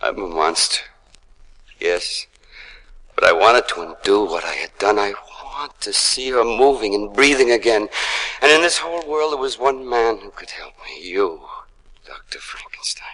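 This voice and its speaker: A man performing a dramatic monologue as an anguished, lonely male monster, moving between hushed whispers and desperate shouts. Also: lowish voice, normal speed. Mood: remorseful. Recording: noisy recording with clicks.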